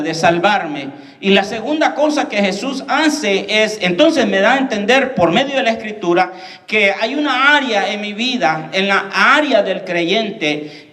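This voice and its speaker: High-voiced preaching pastor, echoey hall. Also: male voice, sharp tone, distant mic. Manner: preaching with rhetorical questions to the congregation. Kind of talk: sermon.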